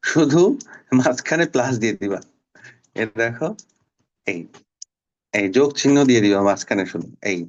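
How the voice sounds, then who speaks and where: A male language teacher in an online class, with a mid-pitched voice. He speaks patiently and says words slowly and more than once so the students can follow. The audio is slightly dull and lo-fi. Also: animated. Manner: patient, repeats words slowly to drill pronunciation. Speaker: Bangla teacher.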